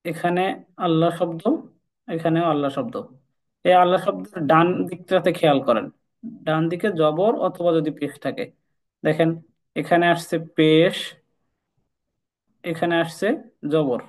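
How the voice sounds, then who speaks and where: A man teaching Quran recitation in a relaxed lesson, patiently repeating each rule and slowly chanting the Arabic examples. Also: fairly high pitch, rough recording.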